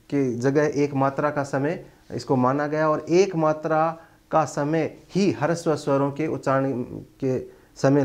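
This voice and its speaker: A male Hindi grammar teacher giving an online lecture, speaking deliberately and filling his pauses with long drawn-out "a" sounds. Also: a little high. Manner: slow, deliberate, with many drawn-out "a" fillers.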